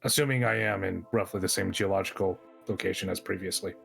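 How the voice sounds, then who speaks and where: Man doing a deadpan monotone robot, heavily creaky low voice. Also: quick pace, soft background music, heavily acted. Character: ancient thousand-year-old robot, formal, literal, dryly satirical. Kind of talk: in-character tabletop role-play.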